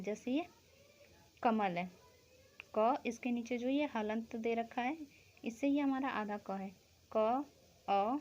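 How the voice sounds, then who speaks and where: A woman teaching a school grammar lesson. She explains slowly, asks questions and answers them herself, and keeps checking that the class understands. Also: fairly high pitch, a little mellow. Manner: keeps checking understanding with short tag phrases; spells out sounds and counts slowly.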